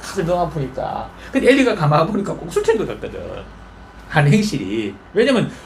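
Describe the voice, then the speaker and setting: Animated folksy pastor. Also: male voice, fairly high pitch, quick pace, slight background noise. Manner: folksy, animated storytelling with frequent questions to the congregation. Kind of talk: conversational sermon.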